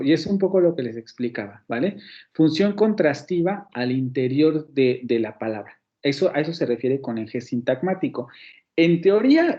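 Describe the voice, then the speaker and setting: A man with a Mexican Spanish accent teaches a university phonetics class online in a dark, medium-pitched voice, captured in lo-fi sound. He explains patiently, often restarts his sentences and keeps checking in with the students.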